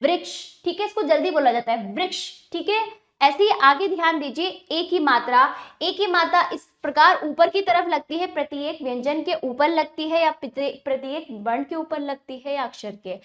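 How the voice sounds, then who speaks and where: Lady teacher w a high voice, patient, says words twice slow for the kids. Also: animated, fairly bright tone. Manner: patient, repeats words slowly for children. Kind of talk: classroom lesson for children.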